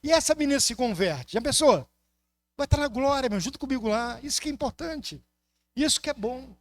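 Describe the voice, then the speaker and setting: A very high-pitched, expressive man with a Brazilian Portuguese accent delivers an impassioned sermon as a pastor at a fairly quick pace. He shifts between loud emphasis and soft asides, and a little hiss or hum can be heard.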